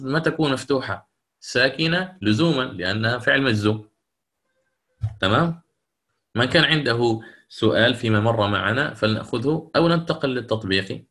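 A middle-aged man teaching recitation rules with a bright, forward tone. He explains patiently, step by step, often stopping to ask whether his students follow and to take their questions. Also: medium pitch. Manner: explanatory, pauses to check understanding and answer questions. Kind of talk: online lecture with recited examples.

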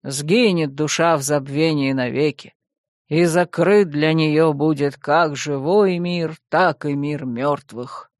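A woman voicing a stern, brooding old frost king and father, in an audiobook reading. He speaks slowly and gravely. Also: low-pitched, dry recording, studio quality, pitched below the performer's own voice. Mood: solemn. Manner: slow, grave and measured.

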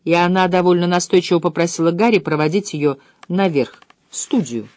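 A woman reading a mystery novel aloud in a measured, calm storytelling manner. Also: on the low side, no room sound. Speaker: audiobook reader. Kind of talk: scripted narration.

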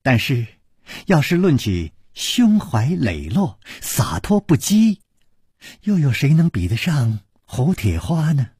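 A man's voice: fairly high pitch, huge pitch swings, takes it slowly, darkish tone, breathy edge, dry recording, clean studio sound, heavily acted. A man voicing a charming, witty young lady in radio storytelling, gracious and playful.

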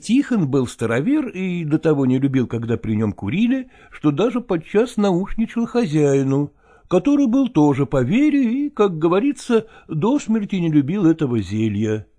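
Expressive storyteller with a lively pitch. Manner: measured, lowered narrating voice. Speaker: narrator.

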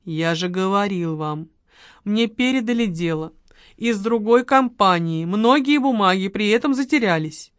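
A woman voicing a shrewd, calm male investigator who questions firmly and patiently. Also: medium pitch, a little slow, no echo, clean studio sound, close to an everyday voice. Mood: calm questioning.

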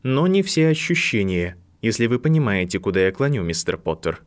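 A man reading an audiobook, voicing a composed older woman professor who speaks softly and sympathetically. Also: fairly low pitch, very animated, clear, resonant tone. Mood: gentle. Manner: soft, sympathetic, measured. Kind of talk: audiobook narration.

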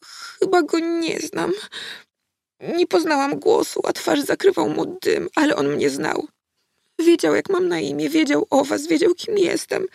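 A woman's voice: sits high, lively intonation, unhurried, gravelly, darkish tone, no echo, clean studio sound, pitched above the performer's own voice, full character voice. A woman reading an audiobook, voicing a frightened, traumatized little girl who speaks in a trembling whisper.

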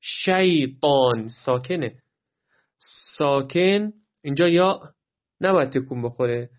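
A man teaching Quran recitation rules step by step, patiently explaining each sound and modelling the slow, drawn-out readings. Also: medium pitch, highs cut off. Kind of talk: tajweed lesson.

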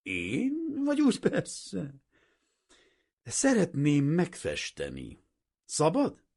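A man's voice: a little high, huge pitch swings, a little mellow, pitched above the performer's own voice, exaggerated voice. Man doing a cheeky, broke young painter. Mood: playful.

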